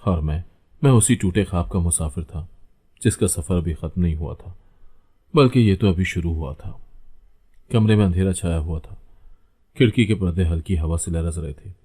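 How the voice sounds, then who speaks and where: Male storyteller, dark and mellow tone, measured and heavy first-person narration. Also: sits low, husky.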